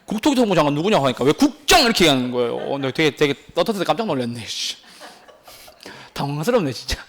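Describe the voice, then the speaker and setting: A man lectures to exam students with a fairly high voice. His pitch swings widely as he teases the class and keeps firing questions at them. His delivery is animated and talkative throughout. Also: fast talker. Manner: animated, teasing, asks the class many questions. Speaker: real estate exam lecturer.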